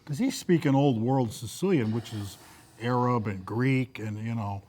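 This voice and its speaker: A middle-aged man, a guest on a casual talk show, telling stories in an animated, emphatic way. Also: mid-range voice, moderate pace. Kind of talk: casual studio chat.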